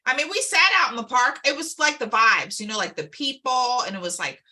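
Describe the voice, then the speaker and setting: A woman's voice: a little high, brisk. A woman from Maryland co-hosting a live stream, chatting casually and asking lots of questions. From Maryland, USA. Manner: lively, expressive, asks many questions.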